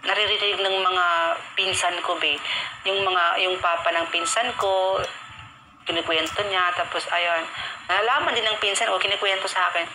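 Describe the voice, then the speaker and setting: A man's voice: high-pitched, steady tone, moderate pace, background noise. A man hosting a live stream, telling a personal story in an emotional, repetitive way with English filler words mixed in.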